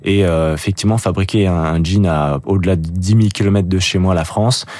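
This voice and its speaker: Deep-voiced young man, halting and dry. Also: fairly even intonation, a little mellow, no room sound. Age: young adult. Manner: hesitant, many fillers and restarts. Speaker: guest, jeans brand founder. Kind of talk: radio interview.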